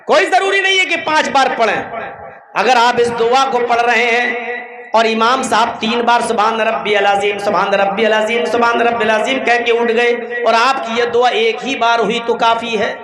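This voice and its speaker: A man with a very high voice preaches to a gathering, pressing his listeners with question after question and breaking into chanted prayers. The sound is echoey and roomy, with a crowd audible behind him. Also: steady tone, moderate pace. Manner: emphatic, rhetorical questions, chants Arabic prayers. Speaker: Islamic preacher. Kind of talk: religious lecture.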